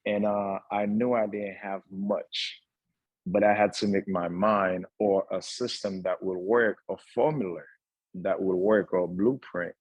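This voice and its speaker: A young man from Haiti, a guest entrepreneur on a talk show, speaking earnestly with many pauses and fillers. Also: low-pitched, fairly even intonation, no room sound, rough recording. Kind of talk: casual talk-show conversation.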